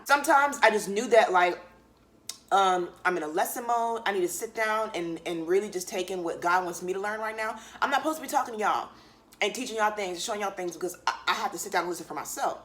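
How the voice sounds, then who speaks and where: A young woman vlogging to camera, talking in a candid, relaxed way with loose slang and lots of fillers while she eats. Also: medium pitch. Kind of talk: casual chat to camera.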